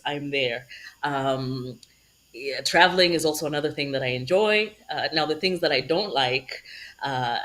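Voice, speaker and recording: A woman from Malawi, a doctor guesting on a talk show, introducing herself in a relaxed, hesitant way. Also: low voice. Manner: relaxed, hesitant, laughing easily. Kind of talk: casual chat.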